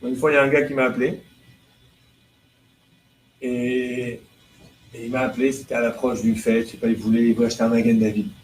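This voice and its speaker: A man's voice: mid-range voice, little pitch movement, a little fast, pauses often, a little mellow, faint music behind. Man teaching a class in an echoey room. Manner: explains through chains of rhetorical questions; translates prayer lines phrase by phrase. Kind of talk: religious lesson to a live audience. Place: room with listeners present. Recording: echoey room with faint background noise.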